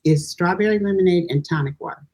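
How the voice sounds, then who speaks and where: A woman's voice: fairly low pitch, fast, a little mellow, breathy edge. A woman co-host, speaking in a casual, encouraging and faith-tinged chat. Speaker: podcast co-host.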